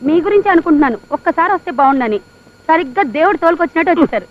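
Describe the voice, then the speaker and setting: An actress playing a devout, fussy wife who scolds primly in a film comedy. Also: female voice, extremely high pitch, expressive, very fast. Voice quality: prim, scolding. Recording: dull lo-fi film audio.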